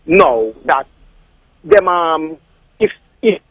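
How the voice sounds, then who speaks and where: Kittitian nevisian creole guy on a muffled phone call, high voice that jumps around, halting and insistent. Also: sing-song, vocal fry, a bit bright, no echo. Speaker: caller. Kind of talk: argumentative radio phone-in.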